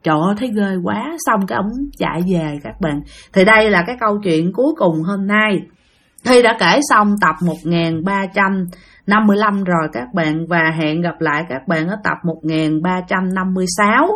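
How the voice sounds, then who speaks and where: A woman's voice: mid-range voice, moderate pace, fairly bright tone. A woman with a Southern Vietnamese accent telling ghost stories in a casual, chatty way, often speaking straight to her listeners. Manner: chatty, addresses listeners directly. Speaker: storyteller host. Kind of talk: casual spoken ghost-story narration.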